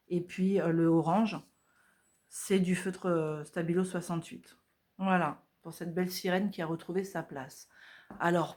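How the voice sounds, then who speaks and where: A woman vlogger talking casually through her art journal pages at home, chatty and hesitant, with many fillers. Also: on the low side.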